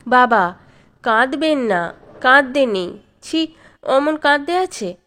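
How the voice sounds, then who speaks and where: A woman voicing a mild-mannered father in his fifties who soothes his old father and tries to calm his wife. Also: very high voice, slow pace, full character voice. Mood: placating. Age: 50s. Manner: mild, placating. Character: gentle fifty-year-old father, soothing and pleading.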